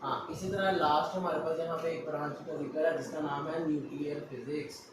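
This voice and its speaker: A male physics teacher, lecturing students in a patient, explanatory way and often checking that they follow, slowing down to dictate English definitions. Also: a little high, steady tone. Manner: explanatory, repeats checks like "okay, beta", slows down for English definitions. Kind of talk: classroom lecture mixing Hindi-Urdu and English. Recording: echoey room, distant mic, noisy.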